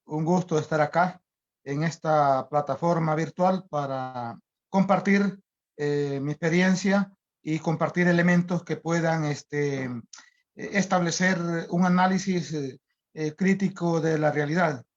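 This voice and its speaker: A man from El Salvador, a guest on an online interview, speaking in a measured way with frequent fillers. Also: a little high. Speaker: guest, environmental organizer. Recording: dull lo-fi audio.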